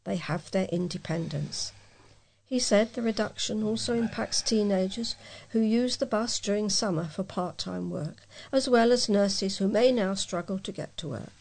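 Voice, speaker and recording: A woman reading local news stories aloud in a plain, even delivery as a volunteer reader. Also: mid-range voice, moderate pace, vocal fry.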